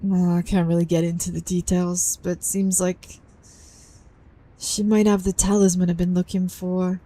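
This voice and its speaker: A woman voicing a guarded, weary young male detective in a visual novel, with a low, muttered delivery. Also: little pitch movement, moderate pace, warm tone, close to an everyday voice.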